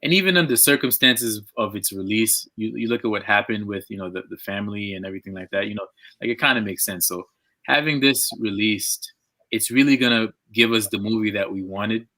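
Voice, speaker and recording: A man chatting excitedly with fellow artists on a live video call, gushing and laughing as he talks. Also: lowish voice, brisk. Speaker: diorama artist on a live panel. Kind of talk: casual chat.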